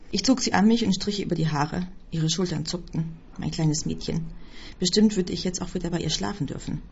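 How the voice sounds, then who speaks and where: A woman reading a first-person story aloud as scripted narration, with a husky voice. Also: fairly low pitch, a little mellow. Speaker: audiobook reader. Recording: dull lo-fi recording.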